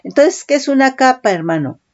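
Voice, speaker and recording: A woman's voice: sits high, sing-song, a little fast. A woman preaching a sermon, often calling listeners "brother" and checking in with "right?". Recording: dull lo-fi recording.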